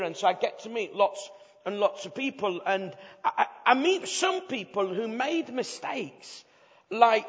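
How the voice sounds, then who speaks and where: A man with a broad-vowelled Bradford accent speaks in a high voice across a reverberant hall. He preaches informally, like a chatty, joking evangelist, checking in with his listeners through rhetorical questions. The sound is slightly dull. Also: a bit bright. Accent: Bradford, West Yorkshire. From Bradford, England. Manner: chatty, jokey, uses rhetorical tag questions. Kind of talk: informal humorous sermon to a live audience.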